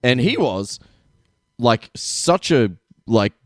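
A man's voice: medium pitch, sing-song, slow pace, dry recording, studio quality. Chatty laughing man on a podcast. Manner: chatty, laughs often, strings of yeahs. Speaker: podcast guest. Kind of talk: casual podcast chat.

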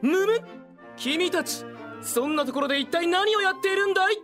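A man's voice: very high-pitched, expressive, moderate pace, fairly bright tone, faint music behind. A man playing a vain, flamboyant teenage student actor in an anime audio drama, declaiming in a pompous, grandiose way. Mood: grandly introducing himself. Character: vain theatrical student actor boy, flamboyant and self-admiring.

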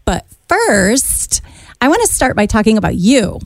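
A woman's voice: a little high, very animated, unhurried, dry recording. Enthusiastic woman radio host. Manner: enthusiastic and gushing. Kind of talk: radio show hosting and interviewing.

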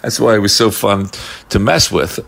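Male guest, conversational anecdote, bright tone. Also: on the low side, moderate pace, vocal fry. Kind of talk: casual storytelling.

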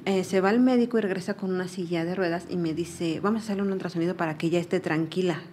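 A woman's voice: lowish voice, fast, darkish tone, a little hiss or hum. Earnest Mexican woman giving testimony. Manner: earnest, repeats herself while retelling. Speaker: interviewee. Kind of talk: personal testimony.

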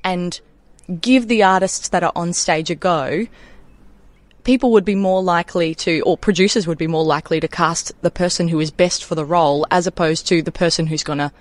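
A woman singer, speaking frankly and quickly as an interview guest. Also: on the low side, steady tone. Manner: quick and frank, laughs easily. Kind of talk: casual interview.

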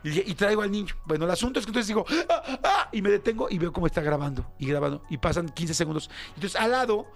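Animated Mexican man telling a story. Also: very fast, vocal fry, few pauses, faint music behind. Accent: Mexican Spanish. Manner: animated, slangy, acts out other voices with big pitch jumps. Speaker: podcast host. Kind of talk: casual storytelling.

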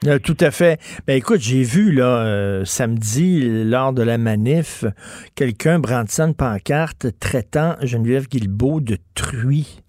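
A male radio host with a Quebec French accent talks in an animated, emphatic way, full of fillers. His voice sits at an ordinary pitch, and the close studio mic keeps it dry. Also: a little slow, no echo. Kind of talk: casual radio talk.

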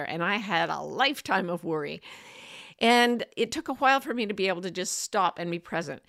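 A woman hosting a casual, personal talk for an online audience, chatty and informal, with an animated, emphatic delivery that addresses listeners familiarly. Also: medium pitch. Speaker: host of a weekly broadcast.

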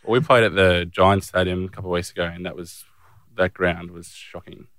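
A man's voice: low voice, steady tone, a little fast, a bit bright, no echo. A young Australian man co-hosting a podcast in casual chat, dry and teasing, earnest at times. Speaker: podcast co-host, footballer.

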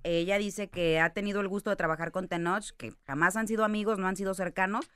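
A woman's voice: medium pitch, fast talker, clean tone, no room sound. A woman with a Mexican accent giving entertainment news on radio in a booth, talking with plenty of fillers. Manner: lively, filler-laden delivery. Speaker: entertainment reporter.

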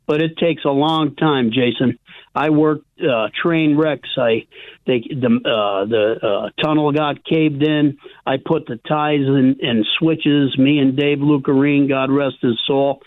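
A man's voice: medium pitch, steady tone, slow, dry recording. An older man calling in to a radio show over a phone line, chatty and emphatic, calling the host "bro". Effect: phone-line caller audio.

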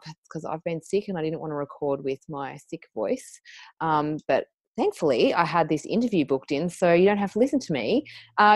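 In a recording with no room sound, an Australian woman in her thirties hosts a podcast, introducing her guest in a chatty, upbeat manner with a few fillers and self-corrections. Her voice sits on the lower side.

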